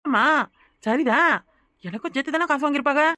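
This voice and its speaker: A woman voicing an outspoken young village woman in a cartoon, with a southern Tamil Nadu rural accent, who shouts and scolds. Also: high-pitched, fairly quick, no echo, studio quality. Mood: agreeing. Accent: southern Tamil Nadu rural dialect. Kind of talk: cartoon voice acting.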